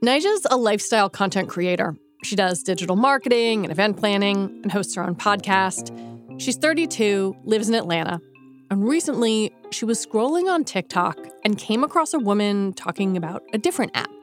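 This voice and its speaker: A woman's voice: mid-range voice, lively intonation, normal speed, faint music behind. A woman hosting a podcast, reading scripted journalistic narration. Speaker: podcast host.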